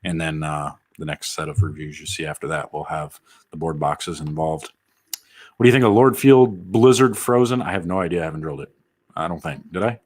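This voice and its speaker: Low husky-voiced man chatting live. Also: a little fast, darkish tone. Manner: rambling, jokey, reads viewer comments aloud. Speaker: bowling channel host answering live chat. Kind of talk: casual live Q&A chat.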